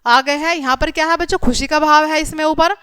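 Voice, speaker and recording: High-voiced woman teaching young children. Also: fairly even intonation, no room sound, studio quality. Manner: addresses children warmly, slow clear reading of examples. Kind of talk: children's grammar lesson.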